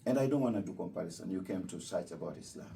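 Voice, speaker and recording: A Kenyan imam whose first language is Luo explains his faith to visiting students, patiently repeating key points slowly. His low voice is very dark and mellow yet gravelly, with lively intonation. He sits some way from the mic, and faint room noise can be heard.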